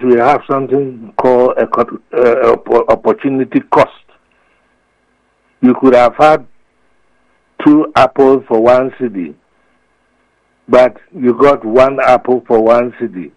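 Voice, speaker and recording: A man's voice: medium pitch, fairly even intonation, measured pace, long pauses. A man with a Ghanaian accent explaining his views emphatically and with repetition, as an expert guest in a radio interview. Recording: muffled, echoey radio feed.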